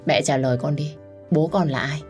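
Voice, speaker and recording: A woman's voice: sits low, steady tone, normal speed, darkish tone, faint music behind, close to an everyday voice. A woman reading as a hurt young daughter, asking tearful, pleading questions in a storybook reading.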